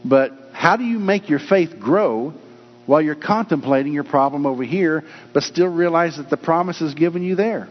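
A pastor with a slightly high voice preaches a sermon at a moderate pace, reading scripture and acting out people's doubts along the way. The hall is echoey, and the lo-fi sound is dull with a mains hum.

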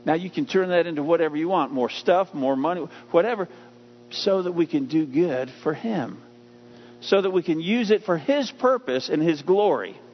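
A man preaching with a somewhat high voice, swinging from raised, acted-out lines to low, quiet asides. His words ring out with a long reverb, as if from a large church sanctuary. The sound is a little dull, with a faint hiss underneath. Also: normal speed. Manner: animated preaching, acts out voices of people and God. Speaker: pastor. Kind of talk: sermon.

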